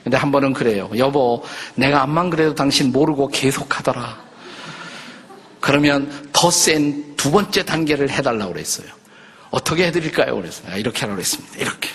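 An older man, a pastor, preaching a sermon in a lively conversational way, acting out quotes and jokes. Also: mid-range voice, fairly quick. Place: church sanctuary. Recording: long church reverb.

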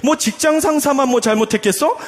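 A man's voice: very high-pitched, brisk, long reverb tail, pitched above the performer's own voice. A man playing a condescending husband who lectures his tired wife instead of listening. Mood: scornful lecturing. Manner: preachy, dismissive, lecturing.

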